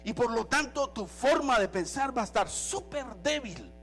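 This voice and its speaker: A male pastor preaching a sermon in an animated way, slipping in English phrases now and then. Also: very high-pitched, normal speed, slight background noise.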